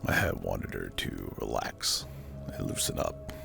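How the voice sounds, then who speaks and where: A man with a rock-bottom, breathy voice tells a horror story in a hushed ASMR whisper. His delivery is slow, deliberate and spooky, thick with gravelly fry. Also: rumbling low. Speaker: narrator. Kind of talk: whispered ASMR horror storytelling, scripted first-person narration. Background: music.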